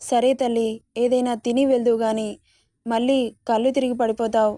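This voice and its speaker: A commanding old matriarch of a rich household, stern with her staff yet tender with a frightened girl, as a woman narrator puts her on. The voice sits a little high, with a narrow, even melody. Its tone is mellow and dark, recorded close and dry. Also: moderate pace, no room sound, lightly acted. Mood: soothing. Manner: commanding, then soothing. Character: stern but tender wealthy old grandmother.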